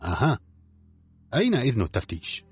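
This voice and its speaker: A man's voice: medium pitch, wildly swooping pitch, a little fast, breathy edge, heavily acted. A man reading an audiobook, voicing a burly male swindler who talks in a fawning, cool and evasive way. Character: smooth-talking burly bald male swindler.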